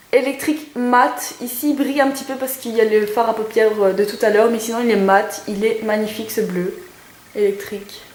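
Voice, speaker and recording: A woman's voice: fairly high pitch, darkish tone. A young woman reviewing makeup in a casual, chatty way, with many hesitations and lots of enthusiastic praise. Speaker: beauty vlogger. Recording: echoey room with faint noise.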